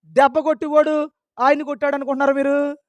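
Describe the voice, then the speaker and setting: A man's voice: extremely high pitch, little pitch movement, fast talker, no room sound. A man preaching a sermon, scolding his listeners with a stream of rhetorical questions.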